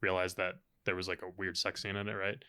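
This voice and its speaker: Fast-talking bright-voiced man. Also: low-pitched, completely flat delivery, clear, resonant tone. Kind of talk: casual chat.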